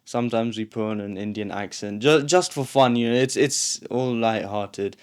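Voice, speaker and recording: A man, answering interview questions in a thoughtful, hesitant way with frequent pauses. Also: lowish voice, smooth. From England. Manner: thoughtful, hesitant, many ums. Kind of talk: reflective documentary interview.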